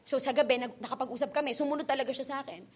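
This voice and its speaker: A woman in her twenties preaching a sermon with energetic, animated delivery, telling stories with laughter and sudden loud bursts. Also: sits high, racing. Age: 20s. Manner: storytelling with laughs and acted-out quotes.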